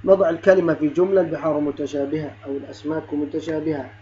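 A man's voice: on the high side, flat delivery, rapid-fire, warm tone, lo-fi sound, a little hiss or hum. A man teaching a grammar lesson to young pupils, patiently repeating words, sounding out letters and praising the children. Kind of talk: primary-school grammar lesson.

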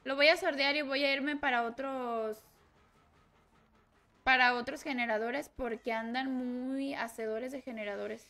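A woman with a Mexican accent streaming a game live, excitable and swearing as she reacts to the play. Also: sits high, unhurried. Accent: Mexican Spanish. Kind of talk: live gameplay commentary.

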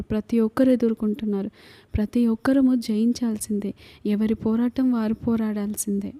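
A woman's voice: medium pitch, dark tone. A woman with a Telugu accent, preaching an earnest sermon full of repeated lists and rhetorical questions.

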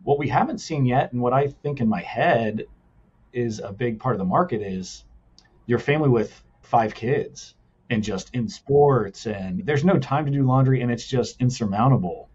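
An American laundromat owner, appearing as a guest in a casual interview, earnestly walks through his business step by step, often adding "like" and "right?". His mid-range voice is animated at a moderate pace, slightly mellow and breathy, with dull audio.

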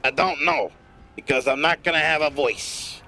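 A man streaming a game live, giving profane, rambling running commentary in a put-on gravelly smoker's rasp. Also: on the high side, normal speed, sharp tone.

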